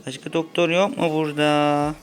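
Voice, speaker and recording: Whiny high-voiced man playing a patient. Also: flat delivery, moderate pace, faint music behind. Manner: whiny, complaining, playfully dramatic. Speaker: gaming video host. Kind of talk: playful game role-play, playing a patient.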